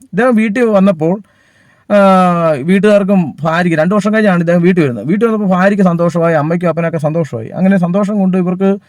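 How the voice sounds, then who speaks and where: High-voiced man preaching. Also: darkish tone, dry recording. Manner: halting, many fillers and restarts. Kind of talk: sermon.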